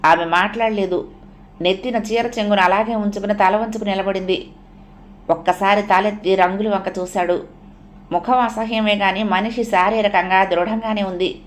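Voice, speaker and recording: A woman reading a novel aloud as an audiobook narrator, in steady scripted narration. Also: mid-range voice, moderate pace.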